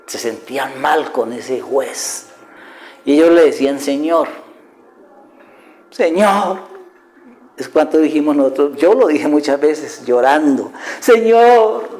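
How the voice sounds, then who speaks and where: Male preacher, middle-aged, slightly high voice, fervent sermon delivery. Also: darkish tone, poor audio. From Colombia. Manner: passionate, swings from raised voice to near-whispers; asks rhetorical questions.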